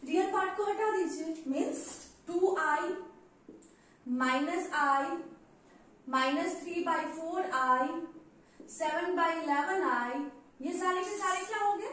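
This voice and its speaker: A woman's voice: very high voice, lively intonation, takes it slowly, pauses often, fairly bright tone. A woman teaching a maths lesson at a board, patiently asking questions and answering them herself. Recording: echoey room, voice from far off.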